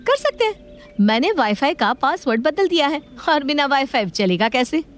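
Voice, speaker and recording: A woman with a high-pitched voice, speaking at a moderate pace, plays a strict, watchful modern mother in an animated family story. Her manner is firm, knowing, and scolding.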